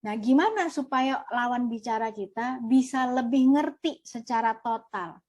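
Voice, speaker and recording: A woman teaching a workshop, lively, asking and answering her own questions. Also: on the high side, a little slow. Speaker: trainer. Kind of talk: online workshop lesson.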